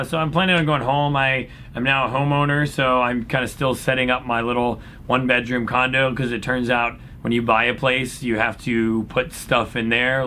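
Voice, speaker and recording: A man speaking as an upbeat, folksy cruise director, casually answering questions in a laid-back chat. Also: sharp tone. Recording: clear background noise with low rumble.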